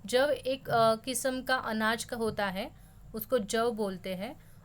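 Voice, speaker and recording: A woman's voice: on the high side, steady tone, takes it slowly. A young woman teaching a school lesson, explaining words patiently and slipping English terms into her talk.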